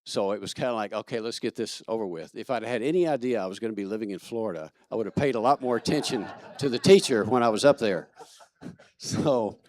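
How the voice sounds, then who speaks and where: A man's voice: medium pitch, darkish tone, dry recording, studio quality. A man from Kentucky giving church announcements as platform assistant, chatty and joking with many fillers. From Kentucky, USA. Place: church service.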